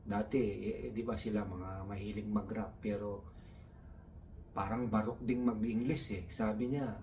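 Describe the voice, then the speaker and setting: A man's voice: fairly low pitch, steady tone, measured pace, darkish tone, far from the mic, slight background noise. A man from the Philippines doing stand-up storytelling, taking on his coworkers' broken English in a raised voice. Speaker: comedian.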